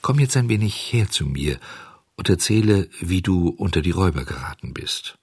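A man voicing a patient, motherly fairy woman in a storybook reading, gentle and coaxing, sometimes admonishing. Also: deep voice, sing-song, normal speed, husky, no room sound, clean studio sound, heavily acted.

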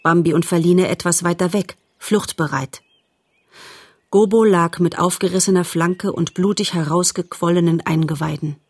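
A woman reading a storybook aloud as narrator, calm and measured. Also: on the low side, no echo. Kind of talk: audiobook narration.

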